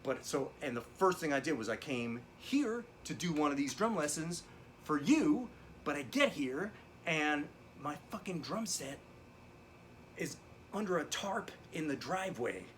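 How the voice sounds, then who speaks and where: A down-on-his-luck middle-aged drum teacher, played by a man tells a meandering, foul-mouthed comic monologue. His voice sits slightly high for a man. It comes across like he's talking to a student on a video call, over a faint hum of room ambience. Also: big pitch swings, measured pace, a bit bright. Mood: rambling. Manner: rambling, digressive, profane storytelling. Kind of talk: comedic character monologue. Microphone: video call lesson.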